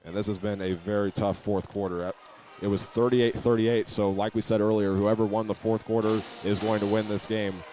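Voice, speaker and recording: Over the din of a noisy gym, a man with a fairly low, warm voice delivers live basketball commentary in a level tone at moderate speed. Now and then he trips over or repeats a word while calling the action from the indoor arena.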